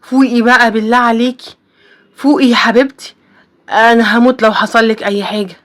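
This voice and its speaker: Woman voicing devoted young husband, Egyptian accent, tender and pleading, slightly high. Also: fairly even intonation, a little fast, a bit bright, close to an everyday voice. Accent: Egyptian Arabic. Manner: tender, pleading, says darling often. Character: loving worried young husband. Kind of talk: storybook voice acting.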